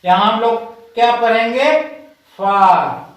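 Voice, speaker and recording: A male teacher gives a classroom grammar lesson, reciting slowly and quizzing his students. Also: high-pitched, lively intonation, a bit bright. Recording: roomy echo, far from the mic.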